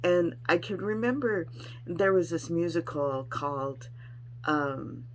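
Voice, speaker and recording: A woman's voice: on the low side, slow pace, a little hiss or hum, rough recording. A middle-aged woman talking in a casual personal vlog, rambling and frank with some salty language. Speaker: vlogger sharing weight-loss surgery experience.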